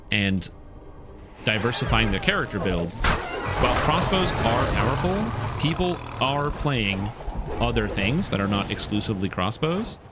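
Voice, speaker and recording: Man on a livestream headset, chatty. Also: fairly low pitch. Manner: chatty, loose, thinking aloud with many fillers. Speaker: streamer. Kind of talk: casual gameplay commentary.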